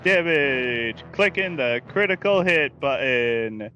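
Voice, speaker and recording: A man's voice: mid-range voice, expressive, slow pace, pushed and bright, muffled recording, faint music behind. A man chatting casually as a player in a tabletop role-playing game, grumbling and swearing mildly. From California.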